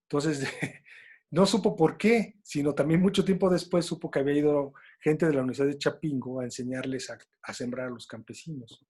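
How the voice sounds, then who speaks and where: A man's voice: on the high side, fairly quick, a little mellow, breathy edge. A man with a Mexican accent moderates a panel talk in a loose, colloquial way and tells stories along the way. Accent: Mexican Spanish.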